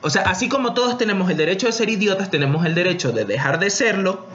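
A man's voice: sits high, animated, fast talker, fairly bright tone. A man co-hosting a casual comedic chat, blunt and opinionated, swearing casually.

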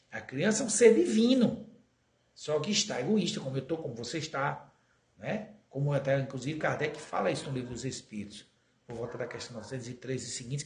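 A man with a fairly high voice gives an earnest spiritist talk on raising children. He often slows down and stretches words for emphasis. The room around him is echoey. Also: darkish tone. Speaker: spiritist lecturer.

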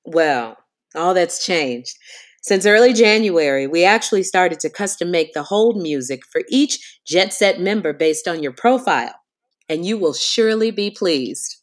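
A woman's voice: lowish voice, lively intonation, a little slow. A woman playing an unflappable, officious airline agent with a polished customer service voice in a comedic phone drama. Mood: placating, firm.

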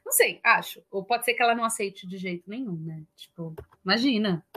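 A woman with a Brazilian Portuguese accent in casual chat, a lively storyteller who laughs often. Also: medium pitch, fairly quick, husky.

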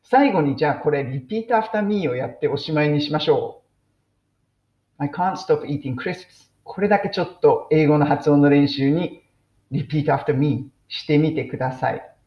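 A woman's voice: sits low, fairly quick. A woman giving a casual, chatty English mini-lesson and explaining with friendly asides. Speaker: English teacher podcaster. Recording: roomy, dull lo-fi recording.

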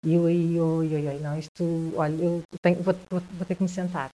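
A woman with a European Portuguese accent, telling a personal story as a guest in a conversation, with halting speech, frequent restarts and repeated words. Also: on the low side, level tone, mellow.

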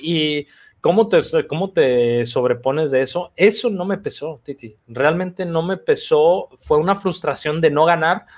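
A middle-aged man with a Mexican accent, an athlete guest retelling his career in a casual, slangy, animated way. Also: on the high side, unhurried. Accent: Mexican Spanish. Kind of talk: casual interview storytelling.

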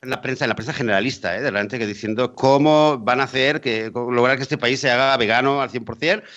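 A man hosting a radio show, chatting in a relaxed way with lots of hesitant fillers. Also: mid-range voice, fast. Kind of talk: casual radio chat. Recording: dull lo-fi sound.

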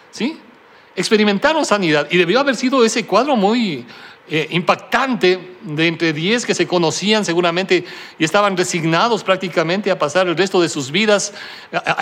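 A middle-aged male pastor with a noticeably high voice for a man preaches a sermon. He tells his story in a conversational way, checking in with the congregation through constant tag questions. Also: a bit bright. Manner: self-deprecating humor.

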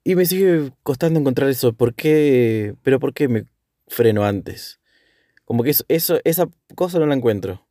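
A man's voice: medium pitch, animated, moderate pace, mellow, dry recording, studio quality. A young man with a Rioplatense Spanish accent, talking through his thoughts in a hesitant, self-correcting way. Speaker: host. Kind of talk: casual reflective monologue.

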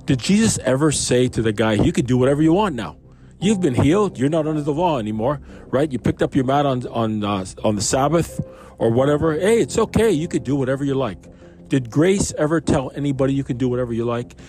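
A man's voice: medium pitch, mellow. Man musing casually over a Bible reading. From Canada. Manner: reads scripture aloud then riffs on it conversationally, with asides and questions. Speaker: Bible commentator. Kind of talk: informal Bible reading and commentary.

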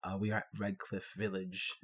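A man's voice: low voice, completely flat delivery, moderate pace, fairly bright tone. A man co-hosting a casual, conversational commentary on a video game playthrough. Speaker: co-host of a game playthrough discussion.

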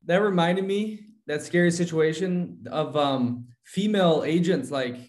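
A man chatting casually, speaking haltingly as he searches for words. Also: fairly high pitch, a little mellow. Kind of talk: casual podcast chat.

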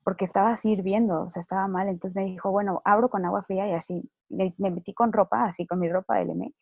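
A woman's voice: medium pitch, steady tone, quick pace, gravelly, darkish tone, breathy edge, no room sound, lo-fi sound. A woman with a Mexican accent telling a personal story in casual chat. She speaks chattily, fills her speech with "o sea" and "¿no?", and acts out what others said.

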